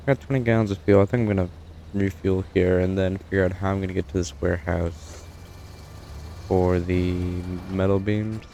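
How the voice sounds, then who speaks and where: Sitting low with fairly even intonation, this young man's voice is gravelly and warm at a moderate pace, with a little hiss or hum in the audio. He's an American streamer rambling casually through a truck-driving game, adding dry remarks and correcting himself often.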